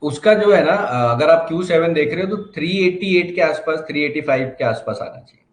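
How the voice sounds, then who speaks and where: A man's voice: fairly high pitch, lively intonation, normal speed. Male auto trainer, assured and instructive, echoey room. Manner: confident, reassuring, instructive. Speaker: automotive diagnostics trainer. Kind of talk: live online training Q&A.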